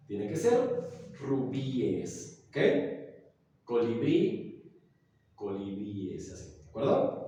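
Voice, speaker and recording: Man, mexican accent, teacher lecturing a class, mellow tone, roomy echo from far off. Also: mid-range voice. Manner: explains slowly, checks in with the class often.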